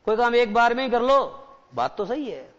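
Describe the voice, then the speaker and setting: A man's voice: extremely high pitch, big pitch swings, moderate pace, fairly bright tone, long reverb tail, dull audio. A male teacher giving a grammar lesson in a mix of Hindi and English, repeating key words and asking the class questions.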